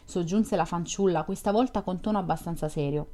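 A woman reads a novel aloud, her voice fairly low and mellow. Her narration is measured and expressive, in a literary audiobook style. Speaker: audiobook reader.

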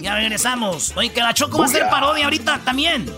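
Playful Mexican radio joke teller. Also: male voice, very high voice, animated, fast, music in the background. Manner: loud, playful, laughing storyteller. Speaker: radio comedy host.

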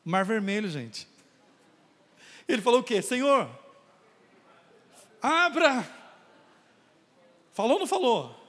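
A man preaching a sermon as pastor, calling on the congregation to raise their hands and answer back. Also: sits high. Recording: long reverb of a church hall.

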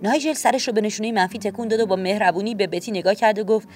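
A woman narrating a children's storybook in a calm, even way. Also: medium pitch, soft background music. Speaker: audiobook narrator. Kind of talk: storybook reading.

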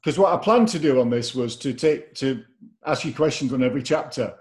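A man's voice: mid-range voice, animated, a little fast, darkish tone. A man hosting a casual interview, talking informally and somewhat hesitantly. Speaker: interviewer, host.

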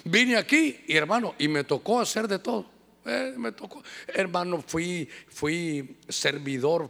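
A male pastor preaching a sermon, animated and calling his listeners brother. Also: a little high, creaky, long reverb tail.

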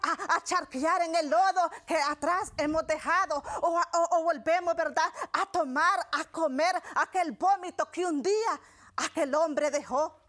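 Woman, preacher, sermon, very high voice, repetitive phrasing, frequent tag questions. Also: measured pace, fairly bright tone. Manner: frequent "¿verdad?" and "hermanos" fillers, repeating phrases.

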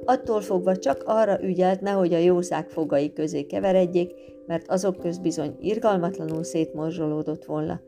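A woman narrating a storybook tale in a lively, expressive reading, with guitar music behind. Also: fairly low pitch.

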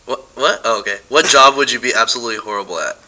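Joking male podcast host, bright voice. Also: medium pitch, very fast, slight background noise, rough recording. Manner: laid-back, joking, slangy. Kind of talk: casual podcast interview.

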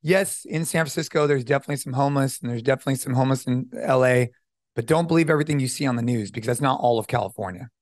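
A man's voice: mid-range voice, rapid-fire, no room sound, studio quality. A middle-aged man hosting a podcast, talking casually and upbeat, often saying dude and man. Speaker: podcast host. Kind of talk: casual chat.

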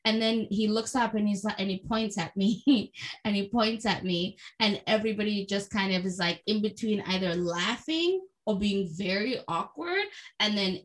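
A young adult woman in casual chat, telling a story in an animated, expressive way and swearing freely. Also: medium pitch, normal speed.

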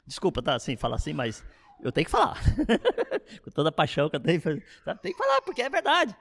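A middle-aged man, a pastor, preaching a sermon in an animated, conversational way with frequent asides to the congregation. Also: a little high, fast talker, gravelly, husky, in a large hall.

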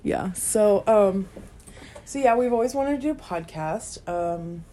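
A woman's voice: mid-range voice, animated, a little slow, warm tone. Giggly woman co-hosting a casual podcast. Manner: laughs often, trails off into fillers. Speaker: podcast co-host. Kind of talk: casual chat.

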